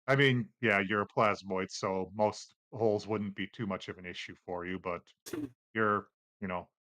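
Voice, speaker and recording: A man narrating a tabletop game as game master, relaxed and halting, with many fillers. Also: on the low side, no room sound.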